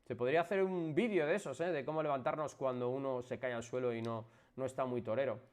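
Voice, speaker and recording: Energetic Spanish physiotherapist on a live stream. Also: male voice, mid-range voice, fast. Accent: Spanish from Spain. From Spain. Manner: energetic and emphatic, swings from loud bursts to soft asides. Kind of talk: casual live-stream chat with viewers.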